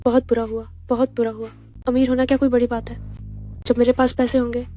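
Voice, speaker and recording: A woman voices a spirited young secretary who pushes back but gets flustered. Her delivery is fast and fairly flat, the tone mellow yet a little high. Soft music plays under the dubbed lines. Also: lightly acted. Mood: defiant. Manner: defiant, flustered. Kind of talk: dubbed drama dialogue.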